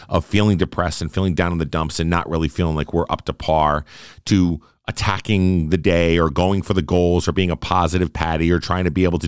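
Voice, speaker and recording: A man's voice: deep voice, clear, resonant tone, no room sound, clean studio sound. A man in his late forties hosting a solo podcast, talking earnestly and conversationally and often checking in with "right?". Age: 40s. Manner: earnest, conversational, repeats phrases and asks "right?". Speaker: podcast host.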